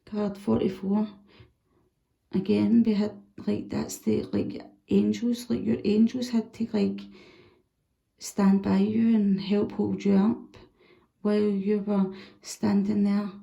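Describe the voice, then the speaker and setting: Woman, tarot reader, casual and animated, gravelly, echoey room. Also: mid-range voice, slow, highs cut off. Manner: chatty, animated, swears casually.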